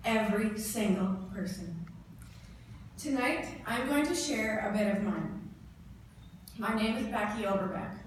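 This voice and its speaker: A Canadian woman in her thirties gives a prepared motivational speech to a live audience, speaking earnestly and emphatically in short, deliberate phrases. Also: on the high side, lively intonation. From northern Ontario, Canada. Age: 30s. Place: indoor event room before an audience. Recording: echoey room, distant mic, clear background noise.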